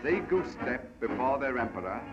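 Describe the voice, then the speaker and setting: A man's voice: medium pitch, very animated, moderate pace. A man giving dramatic, declaiming narration in the style of an old newsreel. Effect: old newsreel sound. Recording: dull archival newsreel audio over loud music.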